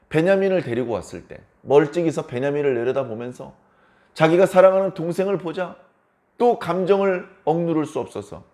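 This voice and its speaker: A male pastor giving a dawn service sermon with a fairly high voice. He tells the story like a drama, voicing the people in it. His pitch and volume rise and fall sharply as he goes. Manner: dramatic storytelling, acting out quoted lines with big swings in pitch and loudness.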